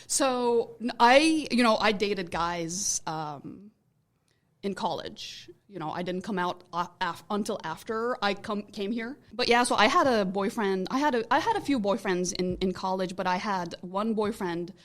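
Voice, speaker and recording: A woman's voice: medium pitch, unhurried. Turkish-accented woman telling her story. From Turkey. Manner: rambling, circles back to restate points. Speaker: podcast guest. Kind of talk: casual chat.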